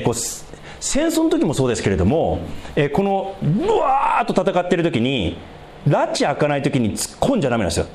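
Animated male preacher with swooping pitch. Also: a little hiss or hum. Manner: animated preaching with big pitch swings and light laughter. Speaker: pastor. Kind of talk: sermon.

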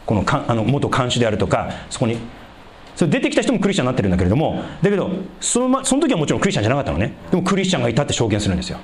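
A man preaching a sermon, asking the congregation rhetorical questions and swinging between loud emphasis and hushed low passages. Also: huge pitch swings, racing, a little hiss or hum. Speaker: pastor.

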